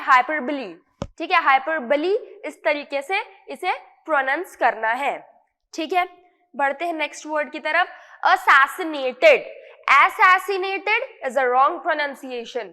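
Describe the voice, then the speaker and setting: A woman's voice: high voice, fairly bright tone, in a large hall. A woman teaching English vocabulary in an explanatory lesson, mixing Hindi and English and asking and answering her own questions.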